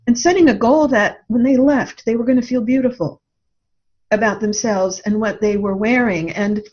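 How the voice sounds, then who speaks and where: A middle-aged woman with a high, darkish voice talks reflectively as a podcast interview guest; she is a life coach. Earnest and thoughtful, she recounts experiences as anecdotes, heard through dull lo-fi audio.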